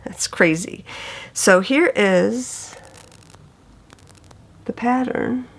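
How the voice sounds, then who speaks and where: A woman chats through her stitching projects at an unhurried pace, with a gravelly edge in her voice. She gushes over patterns and colors like a devoted crafter sharing with friends. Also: mid-range voice. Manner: enthusiastic, gushing over colors. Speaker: cross-stitch vlogger. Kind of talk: casual show-and-tell chat.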